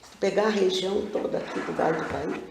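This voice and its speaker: Here a gravelly, lowish voice moves quickly as an older woman, known locally as a cultural figure, rambles animatedly through stories packed with asides during a casual TV interview. The studio echo is roomy, and there's slight background noise.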